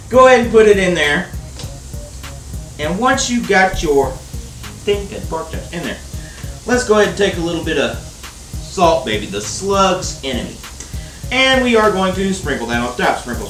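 A young man with a high, fairly bright voice hosts a casual cooking vlog in his home kitchen, recorded from a distance on a camera mic with roomy, off-mic kitchen sound. He rambles and jokes with the viewer, calling them baby and sir.

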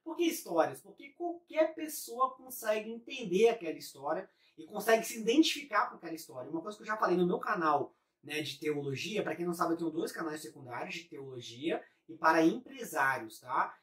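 A man's voice: sits high, animated, brisk, few pauses, fairly bright tone. A Brazilian man giving a casual online lesson as a business coach, chatty and forever tagging his phrases with a question. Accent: Brazilian Portuguese. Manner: chatty, ends most phrases with a tag question. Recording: roomy sound, mic at a distance.

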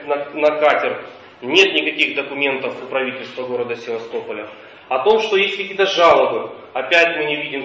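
A man presenting a formal legal argument in court, measured with occasional hesitations, captured on a dictaphone recording in the courtroom. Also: on the high side, fairly bright tone. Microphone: dictaphone far from the speaker. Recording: echoey, distant, dull dictaphone recording.

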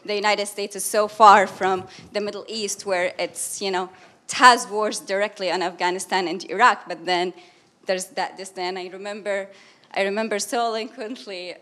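A woman's voice: medium pitch, steady tone, normal speed, bright, forceful tone. A young woman from Syria, a graduate student, asking a long, hesitant question from the audience at a panel talk, with many fillers. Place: lecture hall audience.

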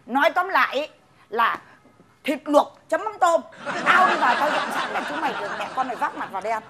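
Bà nội miền Bắc cao giọng hay mắng. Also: female voice, high voice, lively intonation, a little fast, over a noisy crowd, heavy background noise. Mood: scolding. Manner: scolding, blunt, teasing. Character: stern old grandmother, scolding. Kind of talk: comedy sketch acting.

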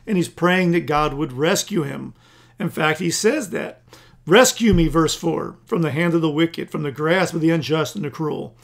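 A man, a pastor, giving a daily devotional sermon, reading scripture verses and commenting on them earnestly. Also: sits high. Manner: reads verses aloud and comments earnestly, with lively rises.

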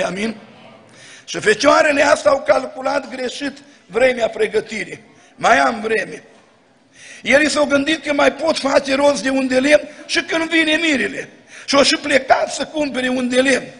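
A man preaching a church sermon, telling stories and acting out quotes in a lively way. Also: very high voice. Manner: preaching with anecdotes and acted quotes. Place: church hall. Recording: long church hall reverb.

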